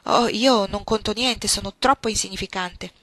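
A woman's voice: mid-range voice, normal speed, fairly bright tone, no room sound, close to an everyday voice. Woman reading a hesitant, modest young man. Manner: hesitant, self-effacing.

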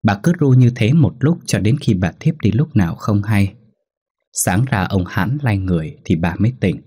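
Low, husky storyteller man. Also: dark tone. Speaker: narrator. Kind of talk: scripted ghost story narration.

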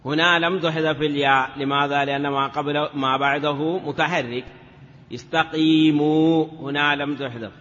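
A teacher of Arabic morphology delivers a grammar lecture in a slightly high, steady, bright and forceful voice, moving fairly quickly with few pauses. He chants word forms in a sing-song drill, often slipping in "yes" between steps, on a dull lo-fi recording with long reverb.

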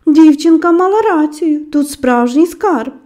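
A woman voicing a boisterous male policeman in an audiobook, calling out in loud, teasing exclamations. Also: high-pitched, expressive, unhurried, pitched above the performer's own voice.

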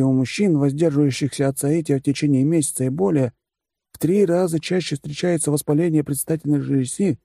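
A man's voice: on the high side, dark tone, slightly rough, no room sound, clean studio sound, voice pushed up. A man voicing a pink furry male creature who lectures in a pedantic, clinical way.

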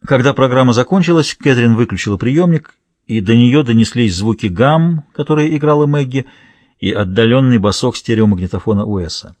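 A man narrating a thriller audiobook in a steady, measured reading. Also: medium pitch, no echo. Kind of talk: scripted narration.

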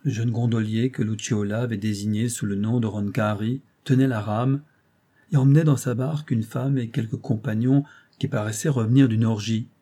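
A man narrating a classic tale as an audiobook in a measured, literary way. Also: on the low side, fairly even intonation, dark tone.

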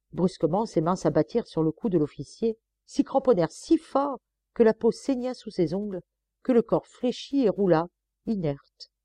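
A woman reading a short story aloud as an audiobook, measured and expressive. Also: fairly low pitch, no echo. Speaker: audiobook reader. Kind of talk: scripted narration.

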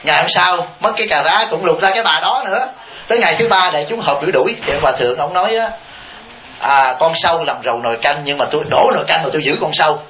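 A man's voice: a little high, fast, sharp tone. A man, a Buddhist monk giving a dharma talk and answering questions, telling stories with chuckling asides and rhetorical checks on his listeners. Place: temple hall with listeners. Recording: echoey, dull lo-fi hall recording with faint hiss.

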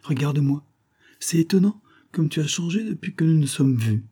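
A man's voice: fairly high pitch, lively intonation, normal speed, dark tone, slightly rough, voice pushed up. A man doing a plump, eager, naive fellow. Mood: effusive. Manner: eager, effusive.

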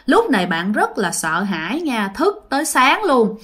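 Woman telling a ghost story, chatty, talks right to listeners, voice goes up and down a lot, pitched kinda high. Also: big pitch swings, measured pace, a bit bright, slightly rough. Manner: chatty, addresses listeners directly.

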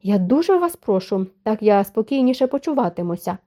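A woman voicing a kind, generous noblewoman who speaks softly and insistently. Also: mid-range voice, sing-song, brisk. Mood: gentle. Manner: soft, pleading.

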